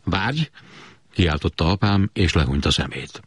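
A man reading a memoir aloud as scripted narration, in a measured storytelling manner. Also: sits low, lively intonation, husky, no room sound, studio quality.

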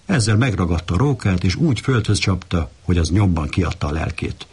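A man reading a fable aloud in a measured, plain manner. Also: deep voice, expressive, darkish tone, husky. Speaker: storyteller. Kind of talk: read-aloud fable narration.

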